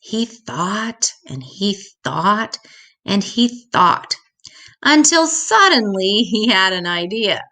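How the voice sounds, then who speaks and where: Speaking in a mid-range voice, an older woman reads a picture book for kids. Her pacing is deliberate, and she gives the key words extra length and expression.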